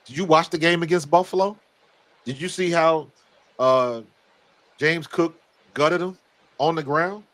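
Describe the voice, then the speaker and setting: An American man with a hoarse, worn-out voice talks sports casually as a guest analyst, emphatic and blunt. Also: fairly high pitch, a little slow, pauses often, fairly bright tone. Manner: emphatic, blunt, repeats words. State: hoarse, very little voice left. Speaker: guest football analyst, former pro player.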